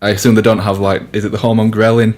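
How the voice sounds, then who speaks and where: A man's voice: on the low side, little pitch movement, fast talker, darkish tone, a little hiss or hum. A young man co-presenting a radio science show, explaining loosely with lots of fillers and restarts. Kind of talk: casual science chat.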